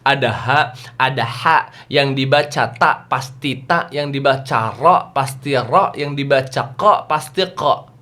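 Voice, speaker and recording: A man teaching a youth religious class over a video call, playful and animated, quizzing his listeners as he talks. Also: medium pitch, unhurried. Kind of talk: lively lecture to teens.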